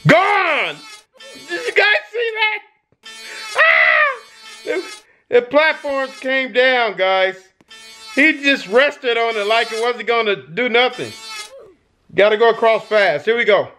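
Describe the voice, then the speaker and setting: A middle-aged man giving casual gameplay commentary into a headset mic, breaking into excited shouts and yelps. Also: extremely high pitch, takes it slowly, pauses often, faint music behind. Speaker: gaming YouTuber. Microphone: gaming headset.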